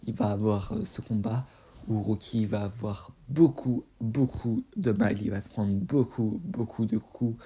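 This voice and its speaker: A young man talks through a film review casually, stumbling over fillers and restarting his sentences. His voice is low-pitched, very dark and mellow, with a husky edge. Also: measured pace. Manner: hesitant, many fillers and restarts.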